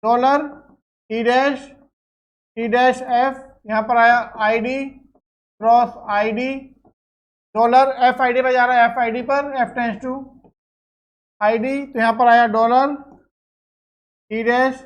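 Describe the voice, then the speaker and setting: Woman teacher, slow careful lecture, high voice, muffled lo-fi sound. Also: fairly even intonation. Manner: explains step by step, checks with "clear?". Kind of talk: classroom lecture.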